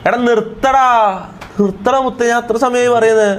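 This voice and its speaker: A man's voice: extremely high pitch, steady tone, moderate pace, a little hiss or hum. A man, ranting at his live-stream chat in an irritated, lecturing way and repeating himself. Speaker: livestreamer.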